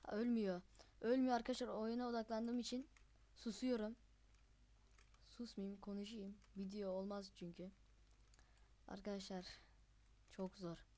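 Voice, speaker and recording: Chatty and easily excited, a young gamer narrates gameplay as it happens and yelps quickly when things go wrong. The voice sits in the mid range.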